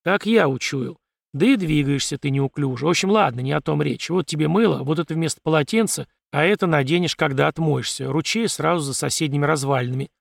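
A man's voice: on the high side, fairly quick, vocal fry, dry recording. A man voicing a wary, practical male survivor who speaks in a dry, bossy, mocking way in an audiobook.

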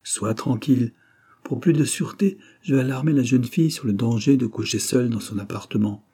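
A man's voice: medium pitch, brisk, mellow, slightly rough, natural voice. A man reading an audiobook, voicing a conspiring baroness who speaks in a reassuring, confiding way.

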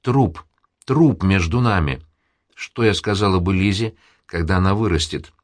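A man's voice: low voice, normal speed, no echo, studio quality, lightly acted. A man reading the part of a young woman who is ending a love affair, in a pained, restrained way. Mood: anguished.

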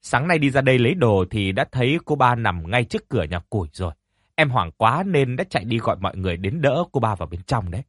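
A man's voice: medium pitch, sing-song, fast talker, a bit bright, no room sound, clean studio sound. A man doing a nervous young servant.

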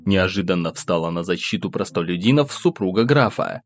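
A man's voice: low-pitched, animated, a little fast, faint music behind. A man steadily narrating an audiobook and voicing the first-person narrator.

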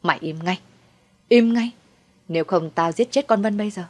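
A woman's voice: deep voice, brisk, soft background music. A woman doing a cruel old sorceress mother-in-law. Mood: shrieking. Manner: mocking, sweetly cold then shrieking.

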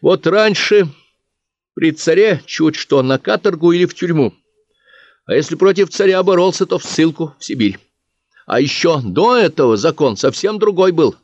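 A man's voice: a little high, expressive, moderate pace, dry recording, pitched above the performer's own voice. A man voicing a young village schoolteacher who speaks earnestly and firmly, in a dry, slightly dull recording. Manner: earnest, explaining. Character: young village schoolteacher, woman, tearful but firm.

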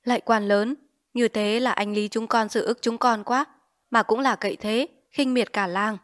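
A woman's voice: steady tone, normal speed, close to an everyday voice. Woman doing a stubborn, argumentative village elder. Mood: pleading. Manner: argumentative, shrill when angry. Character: stubborn, learned older village man.

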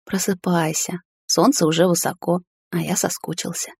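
Woman voicing a hushed tender husband. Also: low voice, animated, a little fast, breathy edge, dry recording, full character voice. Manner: soft, hushed and coaxing. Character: tender devoted male hunter husband, gentle.

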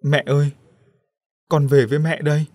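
Man doing a girl's ghost, faint, pleading, higher voice, dry close sound, storybook. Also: little pitch movement, normal speed, darkish tone, no echo, close to an everyday voice. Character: ghost of a young woman, weak and sorrowful.

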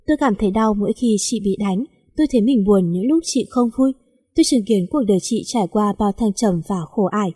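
A woman reading a romance story aloud in a soft, sentimental storytelling manner. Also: medium pitch, husky. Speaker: story reader. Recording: long reverb.

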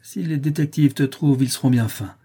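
A man's voice: medium pitch, moderate pace, warm tone, slightly rough, close to an everyday voice. A man voicing a greedy, scheming male meat-packer with an insistent, sneering manner, read aloud from a story.

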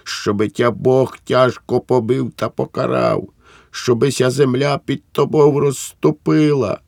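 A man reading aloud and voicing a furious, grieving mother who shrieks curses in a high, loud voice. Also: takes it slowly, no room sound, studio quality. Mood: shrieking rage. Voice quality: shrill, shrieking.

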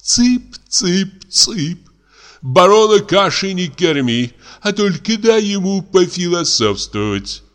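A man reading a play aloud, voicing a mocking army captain who taunts in a thin squeaky falsetto. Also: big pitch swings, slow pace, fairly bright tone, heavily acted. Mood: squeaky taunting.

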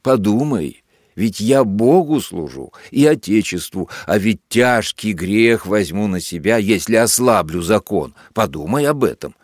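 A man's voice: fairly low pitch, lively intonation, measured pace, no room sound, studio quality. A man voicing a sly, sadistic army lieutenant who feigns mercy in an audiobook, coaxing in a mock-kindly way. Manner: mock-kindly coaxing, then gleeful shouting. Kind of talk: audiobook character voice.

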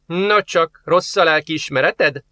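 A man's voice: a little high, pushed and bright, dry recording, voice pushed up. A man voicing a cheeky chatty young woman. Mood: teasing. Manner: chatty, teasing, quick retorts. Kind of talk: audiobook character voice.

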